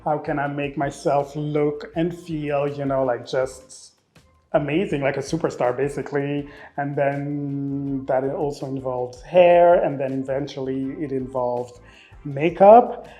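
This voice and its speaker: A man in his thirties from Rwanda who grew up in Belgium, a makeup artist speaking casually in an interview, expressive and often repeating words as he thinks. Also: mid-range voice, measured pace, faint music behind. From Rwanda, raised in Belgium.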